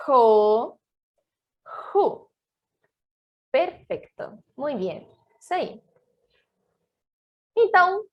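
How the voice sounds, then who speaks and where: A woman teaching an online language lesson, speaking slowly and carefully and drawing out syllables for students to repeat. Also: high-pitched. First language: Portuguese. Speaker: Spanish teacher.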